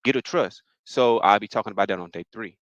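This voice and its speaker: A man's voice: on the low side, quick pace, a bit bright, no room sound, highs cut off. A young man from Mississippi, presenting a live financial workshop in a casual, encouraging way and often repeating himself. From Mississippi, United States.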